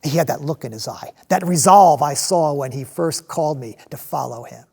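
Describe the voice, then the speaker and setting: An actor playing a passionate, restless disciple in a dramatic monologue, telling his story with halting, emphatic delivery and repeated words. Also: on the high side, gravelly, husky. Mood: hushed, intense. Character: passionate male zealot disciple, restless man of action, recalling Jesus.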